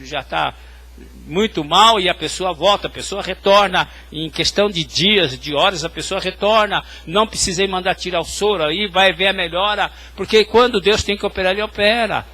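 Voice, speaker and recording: High, bright-voiced pastor preaching. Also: male voice, normal speed. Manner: tells hospital stories, addressing the congregation directly. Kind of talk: sermon.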